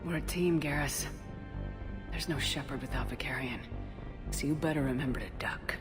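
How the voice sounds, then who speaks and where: Low voiced female space commander, firm but loving, game cutscene, echoey with music. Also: normal speed. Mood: tender, resolute. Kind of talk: cinematic video game voice acting. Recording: reverberant game audio under loud music.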